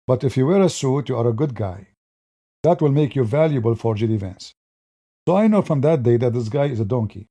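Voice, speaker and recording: A man speaks a little fast at medium pitch, delivering loose, mocking political commentary right to his viewers. His tone is mellow and relaxed, and his sentences often get restarted midway.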